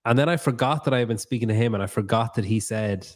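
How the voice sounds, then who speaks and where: Talking quickly at a medium pitch, this podcast host chats loosely in his new studio. He muses aloud and drops casual swear words throughout the informal interview.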